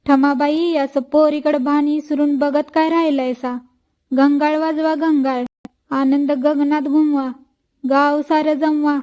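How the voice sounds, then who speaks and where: A talkative old village midwife, bossy and coaxing, with rustic country speech delivered slowly in a high voice, as a woman narrator puts her on. An audiobook reading. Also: level tone, dull audio. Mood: coaxing chatter.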